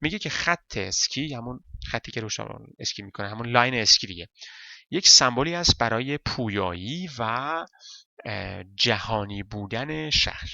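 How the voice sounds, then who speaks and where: A man whose first language is Persian, teaching a German lesson step by step and reading German sentences slowly. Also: mid-range voice, expressive, creaky, bright, forceful tone, no room sound, dull audio. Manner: explains step by step, counting parts aloud; reads German slowly and deliberately.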